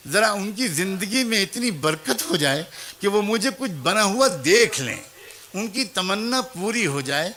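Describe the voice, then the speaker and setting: High, bright-voiced man preaching emotionally. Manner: impassioned, addresses audience directly. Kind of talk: emotional sermon storytelling.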